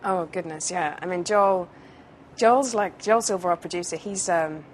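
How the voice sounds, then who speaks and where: A woman's voice: on the low side, fairly even intonation, normal speed. A British woman, an actress, chatting casually in an interview, rambling with many fillers and restarts. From United Kingdom.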